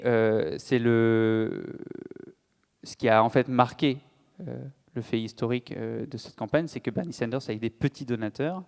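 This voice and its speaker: A man's voice: medium pitch, darkish tone, clear, resonant tone. Man speaking in a reverberant hall. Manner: hesitant, many fillers and restarts. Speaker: conference speaker. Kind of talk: political conference talk. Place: conference hall.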